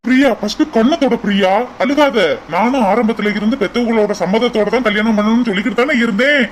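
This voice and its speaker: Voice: mid-range voice, fast, a little hiss or hum, natural voice, low-quality recording. An earnest young man in a cartoon, voiced by an actor, coaxing and reassuring the woman he loves in a Kanyakumari Tamil accent. He keeps repeating her name as he talks her round. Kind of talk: cartoon voice acting.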